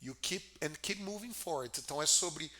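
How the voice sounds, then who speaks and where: A man teaching English through a film scene, repeating each line and then explaining it slowly. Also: on the high side, animated, pushed and bright. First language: Portuguese. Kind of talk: film-clip language lesson.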